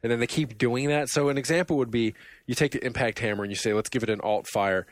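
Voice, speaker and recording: A man co-hosting a casual gaming podcast, telling stories in a rambling, animated way. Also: medium pitch, fast. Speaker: podcast co-host.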